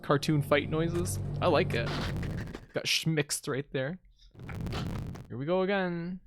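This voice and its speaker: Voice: mid-range voice, slow pace, music in the background. A video game streamer giving casual, wry, joking commentary on a playthrough.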